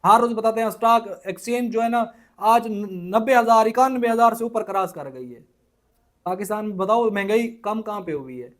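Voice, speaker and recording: High-voiced man in an indignant political vlog. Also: expressive, a bit bright. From Punjab, Pakistan. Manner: indignant, rhetorical questions, frequent hesitations. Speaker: political vlogger.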